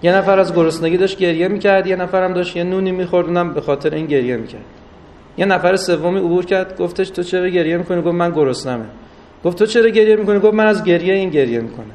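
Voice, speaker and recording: A man giving a religious lecture with stories, rising for emphasis and drawing out recited Arabic phrases. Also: sits high. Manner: animated, rises for emphasis, drawn-out Arabic recitation. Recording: distant mic with faint noise.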